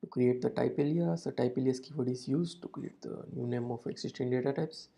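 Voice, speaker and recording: A man whose first language is Hindi explains code step by step in a screen-recorded programming tutorial. His mid-range voice is creaky and mellow, a little fast, with frequent "uh" fillers and non-native phrasing.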